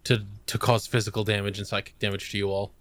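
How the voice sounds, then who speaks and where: A man's voice: lowish voice, little pitch movement, fast talker, noisy background. A man co-hosting a casual podcast, trading crude jokes with his friends. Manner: joking, crude banter. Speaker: podcast co-host.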